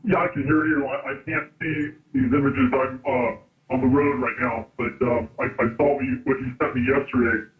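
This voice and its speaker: A man speaking as a doctor, his voice run through a pitch-shifting voice changer to hide his identity. He calls in from the road and talks haltingly, with fillers and restarts. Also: steady tone, faint music behind. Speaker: doctor calling in as a guest. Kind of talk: remote interview. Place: in a vehicle on the road. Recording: tinny phone-like line.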